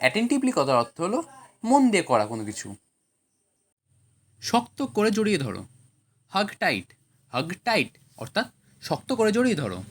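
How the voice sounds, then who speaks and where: Woman teaching translation with lively pitch. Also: moderate pace, pauses often. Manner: reads each sentence in Bengali, then English, then explains. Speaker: language teacher. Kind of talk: scripted translation lesson.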